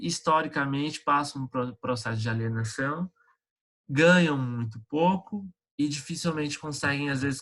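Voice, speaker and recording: A man with an ordinary mid-range pitch leads an online lesson, working through exercises over a computer mic. He talks conversationally and checks in with his students often. He hesitates with frequent fillers and restarts. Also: a bit bright. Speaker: teacher.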